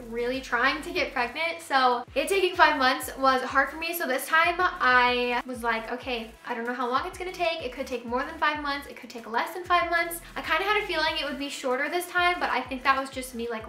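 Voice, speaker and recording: A young woman vlogging with a high, bright voice, telling a casual story time to her viewers. She talks in a chatty way full of "like" fillers and sounds a little out of breath, in an echoey room.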